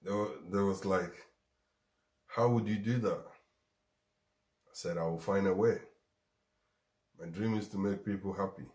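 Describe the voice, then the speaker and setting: Ghanaian host, real low voice, motivational talk, repeats himself, echoey room. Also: male voice, unhurried, pauses often, darkish tone. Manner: repeats lines for emphasis, chuckles. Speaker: show host.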